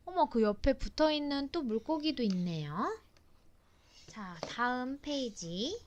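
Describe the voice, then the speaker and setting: Mom reading a picture book to her little kid, slow n super animated, sing-songy questions. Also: high voice, a little hiss or hum. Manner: exclaiming and sing-song, child-directed, polite simple sentences. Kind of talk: reading aloud to a toddler, asking playful questions.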